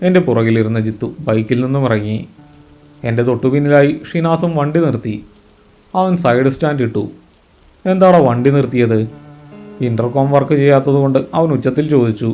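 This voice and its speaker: Mellow male horror storyteller. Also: mid-range voice. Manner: measured, suspenseful. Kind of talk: first-person horror story narration.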